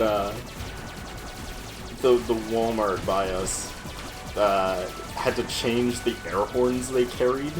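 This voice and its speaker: A man with a mid-pitched voice chats through a video game playthrough. He is a casual, talkative storyteller who swears freely, and game music plays clearly behind him. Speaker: gaming commentator. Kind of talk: casual let's play banter with anecdotes.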